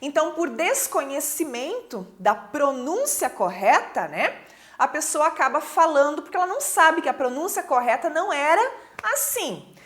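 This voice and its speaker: A woman teacher with a Brazilian Portuguese accent gives a recorded lesson in a high, sing-song voice at a moderate pace. She explains things patiently and often checks that her students are following.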